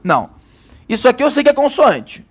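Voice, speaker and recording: A Brazilian man teaching a Portuguese grammar lesson, lively, asking rhetorical questions and answering them himself. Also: extremely high pitch, a little fast. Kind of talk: recorded classroom lecture.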